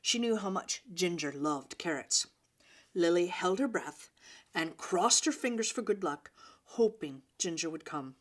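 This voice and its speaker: Reading a children's story to young listeners, this woman speaks in a lowish voice. She performs it dramatically and expressively, pausing and stressing words along the way.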